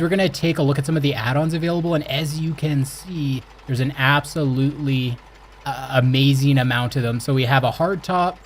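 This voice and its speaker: A young man from Canada hosting his gaming channel, chatting excitedly and exclaiming as he plays. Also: mid-range voice, a little hiss or hum. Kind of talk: casual game commentary.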